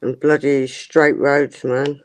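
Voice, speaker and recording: A man's voice: mid-range voice, level tone, slow, a little hiss or hum. A man with a Norfolk accent in casual, informal conversation. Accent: Norfolk English. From Norfolk, England. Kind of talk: casual chat.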